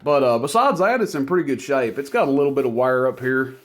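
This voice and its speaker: A radio seller shows off the gear he's selling in a casual, unscripted demo. His voice sits in the mid-range and he talks at a quick clip, sounding folksy and plainspoken.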